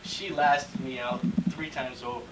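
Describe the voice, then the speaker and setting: A man's voice: medium pitch, fairly even intonation, unhurried, echoey room, lightly acted. A man playing a cocky teenage football star interviewed in a parody newscast. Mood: cocky, offhand. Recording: distant mic, faint room noise.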